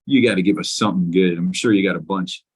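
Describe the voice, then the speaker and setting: A man's voice: low voice, quick pace, slightly rough, poor audio. A man from New York hosting a casual interview over a video call, often rephrasing as he goes. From Brooklyn, New York. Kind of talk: casual chat.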